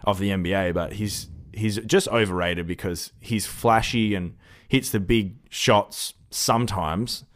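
A man's voice: on the low side, fairly even intonation, measured pace. A man with an Australian accent in a casual sports chat, giving blunt, slangy opinions. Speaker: podcast co-host giving opinions.

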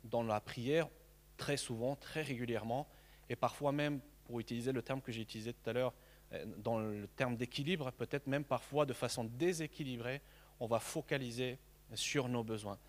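A man in his thirties from Mexico, a native Spanish speaker, preaches a sermon earnestly but haltingly, repeating many words. His medium-pitched voice fills a large hall.

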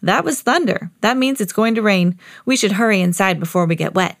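A woman's voice: medium pitch, expressive, fairly quick, lightly acted. Kindly old grandpa pig read by a woman. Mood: concerned. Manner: patient, explaining. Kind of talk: children's storybook character voice.

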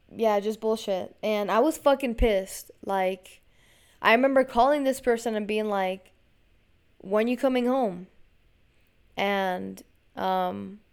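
A woman's voice: mid-range voice, clear, resonant tone. A woman hosting a podcast, telling a personal story in a rambling, frustrated way, with lots of swearing and slang. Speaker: podcast host. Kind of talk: casual storytelling monologue.

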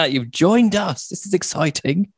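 A man's voice: on the high side, slightly rough, dry recording. Enthusiastic male radio interviewer, dry sound. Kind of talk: casual chatty interview.

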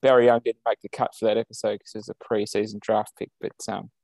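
A man's voice: lowish voice, flat delivery, fast, gravelly, darkish tone, no echo. An Australian man co-hosting a podcast over a video call, chatting casually with lots of ums and uhs. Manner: easygoing, many ums and uhs, chuckles. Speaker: podcast co-host. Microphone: video call setup.

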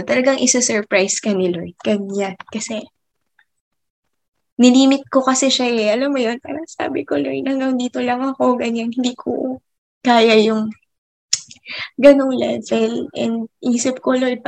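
Chatty young woman, slightly high voice. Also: fairly even intonation, moderate pace, gravelly. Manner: chatty, trails off softly after phrases, laughs often. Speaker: teacher. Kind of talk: casual faith testimony vlog.

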